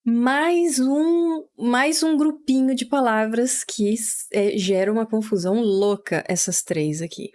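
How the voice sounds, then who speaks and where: A Brazilian woman teaching English vocabulary, patiently explaining and repeating words slowly for pronunciation. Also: fairly high pitch, darkish tone. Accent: Brazilian Portuguese.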